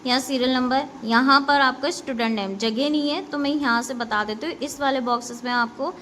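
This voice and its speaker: Brief: female schoolteacher, high voice, patient and repetitive, explains basics to kids and keeps checking they follow. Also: a little fast, a bit bright, a little hiss or hum. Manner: addresses pupils directly with instructions. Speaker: school computer teacher. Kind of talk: classroom lesson explaining basics to children.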